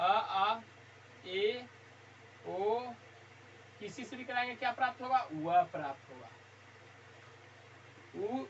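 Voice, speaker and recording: A teacher works through a grammar lesson at a writing board, posing a question and answering it straight away, then repeating the key point. The voice sits at an ordinary middle pitch. The sound is dull and lo-fi, with a faint hiss underneath.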